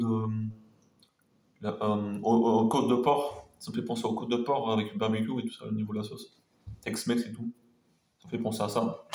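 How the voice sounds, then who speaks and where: A man's voice: mid-range voice, a little mellow. A man chatting casually to viewers as a food-tasting vlogger, talking in a hesitant, rambling way and repeating himself. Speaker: food taste-test vlogger. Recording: roomy echo, faint background noise.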